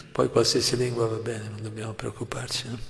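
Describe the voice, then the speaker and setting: Male religious teacher, mid-pitched and gravelly, clears his throat often, recorded in a reverberant hall. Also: level tone, unhurried. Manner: explanatory, asks "no?" often. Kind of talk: devotional lecture.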